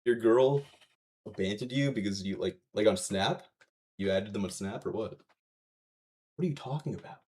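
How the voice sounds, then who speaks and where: A man hosting a casual gaming livestream in hyped gamer-bro talk full of swearing and slang, with a slightly husky voice. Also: fairly low pitch, normal speed, pauses often, a little mellow. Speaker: live streamer hosting a game stream.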